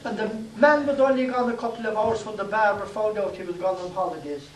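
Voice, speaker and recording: A man's voice: high-pitched, brisk, a little hiss or hum. Older Irish man telling comic stories. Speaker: storyteller. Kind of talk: comic storytelling to a live audience. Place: day centre hall. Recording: echoey room from far off.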